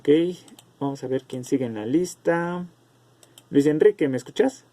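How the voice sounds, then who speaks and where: A man teaching an online class over a video call, explaining slowly and calling on students by name. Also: medium pitch, animated, dark tone.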